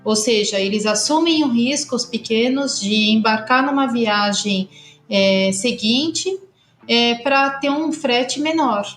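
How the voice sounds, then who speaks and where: A woman with a fairly high voice explains import logistics in a measured way, pausing on small fillers. Her voice echoes in the room, with faint music beneath. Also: a bit bright. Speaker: customs consultancy partner. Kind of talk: podcast discussion.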